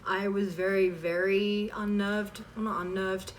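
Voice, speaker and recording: A Canadian woman who hosts a fan voice-acting channel answers questions in a casual chat, rambling and self-deprecating with trailing asides. Her medium-pitched voice is level in tone and a little slow. The mic is distant, picking up faint background noise.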